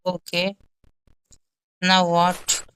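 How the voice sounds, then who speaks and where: A woman's voice: fairly low pitch, monotone, very slow, fairly bright tone, slight background noise, low-quality recording. A young woman hosting a gaming channel, thinking aloud through gameplay commentary in a muttering, exasperated way.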